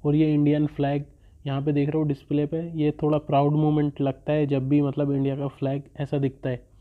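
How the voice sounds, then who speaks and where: This young adult vlogger talks in a fairly high, monotone voice at a fairly quick pace, rambling with loose fillers as he guides viewers around. He starts in a small room in front of a curtain and then walks through an expo, with faint background music and a tinny sound like a phone.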